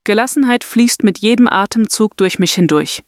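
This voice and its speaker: A woman reads a scripted guided meditation with affirmations, sounding soft, soothing and deliberate yet animated. Her voice falls in the middle range. The studio recording is clean and free of echo.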